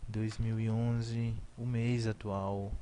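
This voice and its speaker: A programming instructor in his 20s walks beginners through a coding lesson on a screen recording. His fairly low voice is warm and level, and he goes slowly, repeating explanations, correcting himself, and checking in with "ok?" A faint hiss or hum runs underneath.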